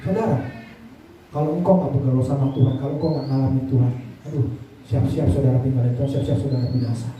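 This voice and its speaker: A man's voice: high voice, warm tone, slight background noise. A young man with an Indonesian accent preaching a sermon, telling his testimony emphatically to the congregation. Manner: emphatic testimony, addressing congregation as Bapak Ibu. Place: large church hall. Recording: echoey church hall from far off.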